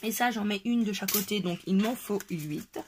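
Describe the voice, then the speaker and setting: A woman talks through a craft tutorial in a relaxed, chatty way, pausing often with fillers as she works. Her voice sits in a middle range. Steady background noise runs under the home recording. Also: mid-range voice. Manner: chatty, hesitant with many fillers.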